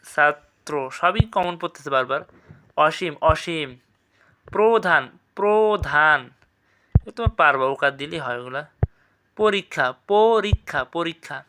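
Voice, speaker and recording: A man teaching an exam revision class, repeating each word slowly and checking with quick questions. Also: on the high side, expressive, background noise.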